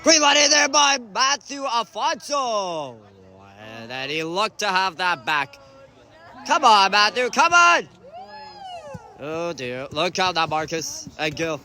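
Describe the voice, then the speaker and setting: Guy calling a youth soccer game from the sideline, high voice, slow and drawn out, groans and yells a lot. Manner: excitable, groaning and shouting at plays. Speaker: amateur commentator.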